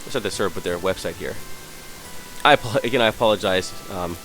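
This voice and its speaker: A hungover, sick man giving an unscripted software tutorial, hesitant and apologetic as he searches around. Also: deep voice, quick pace, over music, rough recording. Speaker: tutorial presenter.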